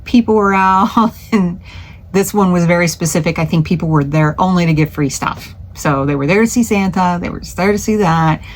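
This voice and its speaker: A woman's voice: lowish voice, moderate pace. A middle-aged woman running a small craft business, chatting casually in a vlog from her home studio, rambling with lots of fillers and restarts.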